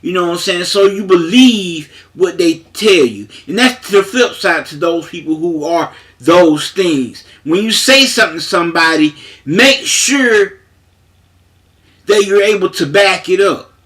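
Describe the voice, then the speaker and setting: Emphatic high-voiced man talking casually. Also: lively intonation, a little slow, fairly bright tone. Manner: repetitive, emphatic, conversational with frequent fillers. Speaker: paralegal. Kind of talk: casual monologue to camera.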